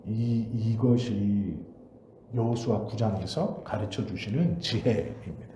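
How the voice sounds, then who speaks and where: A man's voice: fairly low pitch, takes it slowly, dark tone, dull audio, a little hiss or hum. A man preaching a sermon as pastor, emphatic and asking rhetorical questions. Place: church sanctuary. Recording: roomy church recording.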